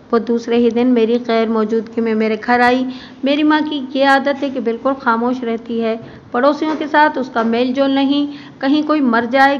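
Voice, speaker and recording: Woman narrating a crime story. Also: on the high side. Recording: muffled with faint background hiss.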